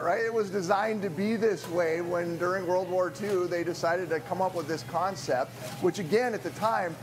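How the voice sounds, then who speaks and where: A man in his forties reporting live for a morning TV show from a small diner kitchen, upbeat and chatty with quick asides. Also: sits high, background noise. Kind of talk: live on-location TV segment. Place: small diner kitchen beside a sizzling grill. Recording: loud grill sizzle behind.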